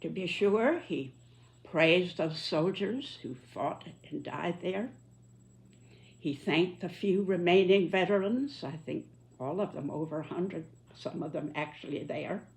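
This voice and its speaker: Very old woman speaking slowly and solemnly. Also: lowish voice, vocal fry. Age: 90s. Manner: solemn, deliberate, emphatic phrasing. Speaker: elderly commentator reflecting on history and politics. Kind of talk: reflective spoken commentary to listeners.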